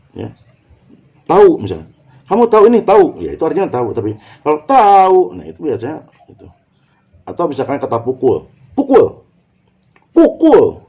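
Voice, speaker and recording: A man lectures in a low, mellow voice, working through each point step by step and tossing rhetorical questions to the class. The recording sounds a little dull and lo-fi. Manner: explains step by step, often asking rhetorical questions and adding "ya".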